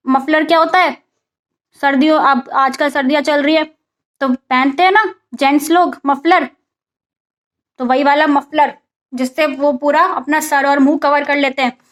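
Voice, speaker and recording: A woman teaching English vocabulary in a casual spoken lesson, asking and answering her own questions. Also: high-pitched. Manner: mixes English vocabulary into Hindi explanation.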